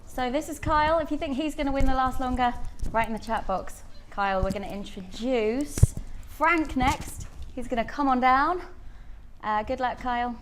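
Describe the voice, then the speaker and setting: A woman hosting a live poker stream, asking players friendly questions in a chatty, bright way. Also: high-pitched, moderate pace, a little hiss or hum. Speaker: host. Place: poker event in Malta.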